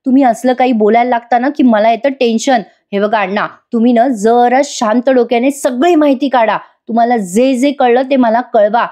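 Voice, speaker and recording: A woman's voice: a little high, normal speed, hardly any pauses, mellow, natural voice. A woman voicing a worried, earnest young woman who pleads urgently, in a serial recap.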